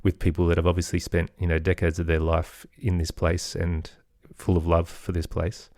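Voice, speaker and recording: Appearing as a guest on a podcast, this middle-aged man, who works as an audio storyteller and producer, talks informally and meanders with self-deprecating hesitation. He has a deep, monotone, darkish voice at normal speed, captured at studio quality without room sound.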